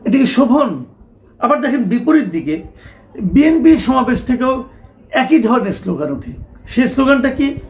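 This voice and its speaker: A man's voice: very high voice, sing-song, moderate pace, long pauses. A middle-aged man, giving a talk show political commentary with emphatic rhetorical questions.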